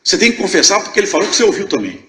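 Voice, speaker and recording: An older man from Viçosa, telling his religious testimony as a lively storyteller who acts out the dialogue. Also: sits high, racing, echoey room, slight background noise. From Brazil, Viçosa. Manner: animated storyteller acting out dialogue. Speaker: church member giving testimony.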